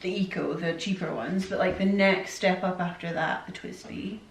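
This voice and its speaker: Here the same kind of casual home Q&A comes in a lower, steady voice at a normal pace: a woman in her forties, raised in Scotland, rambling chattily and breaking into her own sentences as she replies to viewers. Slight background noise is present, and the mic sits far off in an echoey room.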